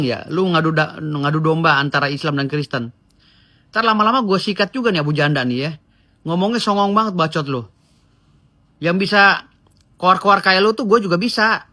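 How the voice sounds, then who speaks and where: A man's voice: high voice, bright, forceful tone. A man delivering a heated, scolding rant straight to the camera. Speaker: commentator. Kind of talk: angry video rant.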